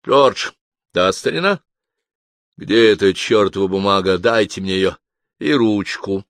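A man's voice: low-pitched, measured pace, dry recording, studio quality. A man reading an audiobook, voicing a proud young Englishman who speaks in clipped, telegraphic phrases with an almost commanding tone. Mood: brusque.

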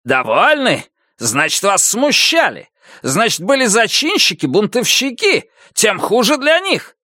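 A man voicing a furious, half-drunk prison major who shrieks orders at convicts in a high, strained voice. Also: wildly swooping pitch, a little slow, bright, forceful tone, dry recording, clean studio sound, heavily acted. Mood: enraged. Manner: shrill screaming, barking orders.

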